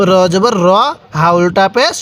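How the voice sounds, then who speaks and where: In a step-by-step recitation lesson, a Bangladeshi man with a high, expressive, slightly bright voice teaches Quran reading a little slowly. He spells each letter and vowel mark, lengthens the long syllables, and asks the listener to repeat after him.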